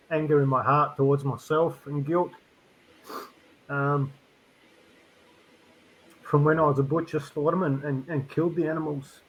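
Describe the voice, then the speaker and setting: A middle-aged man speaks as a podcast guest, his voice pitched a little on the high side. He talks in a loose, rambling way, stopping and restarting often and filling pauses with ums. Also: slight background noise, low-quality recording. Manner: rambling, halting, with many fillers and restarts. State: tearful. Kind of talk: reflective conversational interview.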